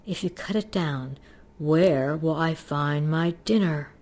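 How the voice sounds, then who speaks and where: A hungry storybook jaguar acted by a woman growls with quiet menace. His voice is fairly low and deliberate. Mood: menacing. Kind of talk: storybook character voice.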